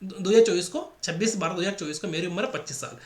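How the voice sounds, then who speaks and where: A male teacher races through an exam-prep math lesson in a high, slightly mellow voice marked by a Rajasthani Hindi accent. He repeats each step and drills the class with rhetorical questions; the recording has room echo.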